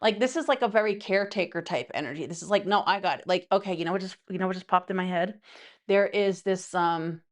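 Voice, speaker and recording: A woman's voice: lowish voice, fast talker. A woman giving a casual tarot reading in a chatty, rambling way, full of asides. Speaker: tarot reader.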